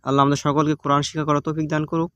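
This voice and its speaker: A man's voice: a little high, level tone, rapid-fire, fairly bright tone, clear, resonant tone, highs cut off. A man with a Bangladeshi Bengali accent giving a casual step-by-step app tutorial, patient and repetitive, with many fillers. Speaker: tutorial host. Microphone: phone recording.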